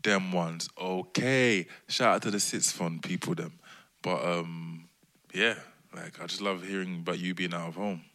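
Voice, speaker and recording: A man hosting a podcast, introducing guests with lively, effusive, slangy remarks. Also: deep voice, unhurried. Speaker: podcast host.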